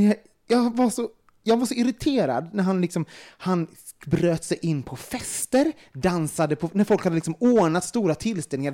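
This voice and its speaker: A young man with a high-sitting voice hosts a casual podcast chat. He talks animatedly, uses lots of fillers and swears a bit when he gets worked up.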